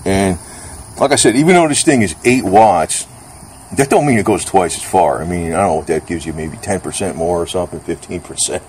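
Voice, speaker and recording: A man with a low, brisk, slightly mellow voice gives a casual, rambling hands-on product review. He's informal and slangy, with some mild cursing, and the clear recording has background noise and outdoor ambience.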